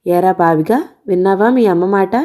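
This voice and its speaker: A woman voicing a loud, teasing middle-aged village woman who scolds and grumbles, in a storybook reading. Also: mid-range voice, normal speed, natural voice. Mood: scolding, teasing. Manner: scolding and grumbling, shouts often.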